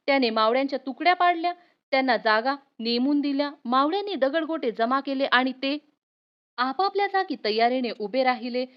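A woman teacher reading a history lesson aloud for students, telling it expressively and speaking to viewers directly. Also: sits high. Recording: muffled lo-fi recording.

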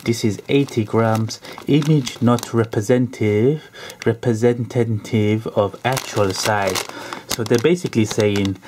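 A man's voice: on the low side, steady tone, a little slow, darkish tone. A man hosting a casual snack review in a jokey, rambling way, repeating his catchphrases. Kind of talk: casual product review to camera. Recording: clearly noisy, crinkling packet and clicks. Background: crisp packet crinkling.

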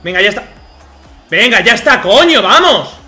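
Volatile, high-voiced Spanish gaming streamer. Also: male voice, very animated, normal speed. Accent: Spain Spanish. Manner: volatile, swings from muttering to shouting and swearing; talks to himself and his viewers. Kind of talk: live football video game commentary. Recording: echoey room with music behind.

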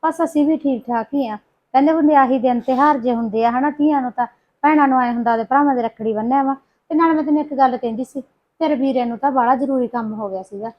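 A woman speaks quickly in a high-pitched voice with a Punjabi accent, playing the chatty, scheming village sister-in-law in a short family-drama film. Her manner is coaxing and gossipy, full of scheming asides, and the highs of the audio are cut off.

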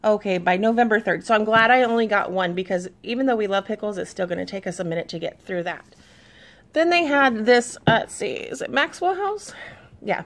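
A woman's voice: mid-range voice, animated, brisk. A woman in her thirties, a mom chatting casually to camera about her shopping haul, easygoing and reading labels aloud.

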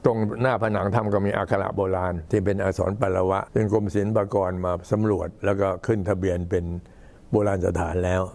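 An old man, a Buddhist monk, giving an informal talk to temple visitors in an unhurried, halting way. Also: lowish voice, darkish tone. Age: older. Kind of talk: informal talk, recounting temple history and announcements.

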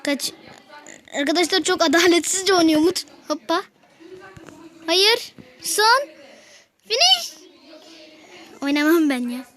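Very high-voiced excitable female gamer. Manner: excitable, quick frustrated outbursts, keeps addressing viewers. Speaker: gaming video host. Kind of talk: casual gameplay commentary.

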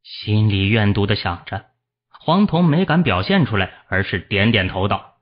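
Husky low male audiobook narrator. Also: normal speed. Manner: steady storytelling, voicing the characters. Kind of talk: scripted fantasy novel narration. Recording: dull lo-fi audio.

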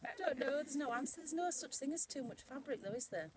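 A woman's voice: high-pitched, expressive, quick pace. A woman chatting cheerfully at a sewing meetup, joking about her fabric purchases. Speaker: meetup guest. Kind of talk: casual chat. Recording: clear background noise.

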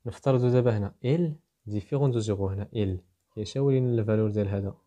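Man, Moroccan accent, programming teacher, quick pace, very dark mellow tone. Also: fairly low pitch, dull audio. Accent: Moroccan Arabic. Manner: walks through code step by step, thinks aloud. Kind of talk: explaining programming to students.

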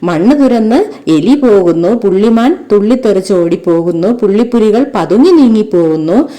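A woman's voice: mid-range voice, expressive, normal speed, mellow. A woman teacher reading a textbook lesson aloud to young children. She reads rhythmic verse, then asks the children simple questions and addresses them fondly. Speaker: primary school teacher.

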